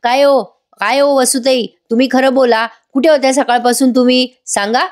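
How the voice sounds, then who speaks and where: A woman's voice: high voice, steady tone, moderate pace, pitched above the performer's own voice, natural voice. A woman voicing a stern middle-aged mother in a serial recap, demanding answers.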